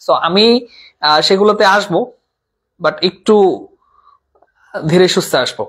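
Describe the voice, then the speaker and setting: A man's voice: high voice, a little slow, fairly bright tone. A man teaching a live online class, repeating terms, asking and answering his own questions, and mixing English words into his talk. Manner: reads out viewer comments.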